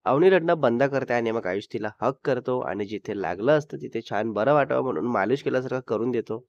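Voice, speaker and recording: A man telling a romantic couple story in steady narration. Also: medium pitch, a little fast, no echo. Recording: dull dry sound.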